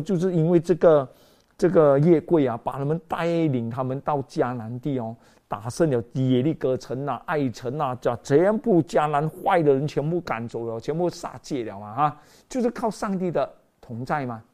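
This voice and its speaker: A woman preaching a sermon in an animated storytelling way, acting out voices and dropping in English phrases. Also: deep voice, moderate pace.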